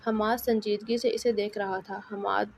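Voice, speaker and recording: A woman narrating a romance novel in a measured, even reading. Her pitch sits in the middle and barely moves. A faint hiss lies under the voice.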